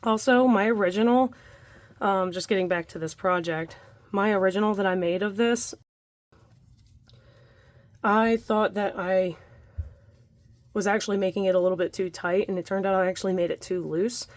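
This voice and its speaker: A woman's voice: mid-range voice, steady tone, normal speed, pauses often, no echo. A young adult woman leading a casual crochet tutorial at home, chatty and laughing often, breathing heavily from the effort. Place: home room by a window.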